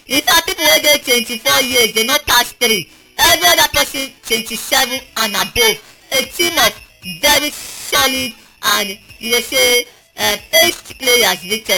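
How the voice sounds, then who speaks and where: A woman's voice: on the high side, pushed and bright. A woman with a Nigerian accent hosting a sports radio call-in show, chatting casually and reading out phone lines. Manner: chatty, reels off phone numbers. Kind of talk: casual sports talk in Pidgin.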